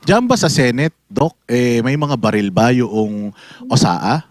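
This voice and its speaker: A man hosting an online interview, asking his guest halting questions full of fillers. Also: medium pitch, expressive, crowd noise. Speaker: host.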